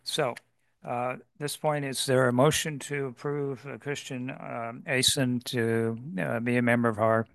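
A man's voice: mid-range voice, level tone, vocal fry, a bit bright, dry recording, clean studio sound. Man chairing a public board meeting. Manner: formal, procedural, halting with fillers. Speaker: commission chair.

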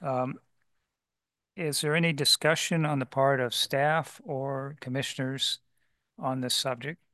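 A man serves as chair of a public board meeting. He calls motions and votes in a formal, procedural way, pausing often. His voice is mid-pitched and recorded dry. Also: fairly even intonation, bright, forceful tone, dry recording. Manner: formal, procedural, halting with fillers. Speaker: commission chair.

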